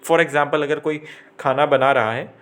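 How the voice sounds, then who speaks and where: A man teaching a class in a chatty lecture style, often pausing to check in with students and correcting himself mid-sentence. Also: on the high side, steady tone, fairly bright tone, smooth. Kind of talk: exam-prep lecture.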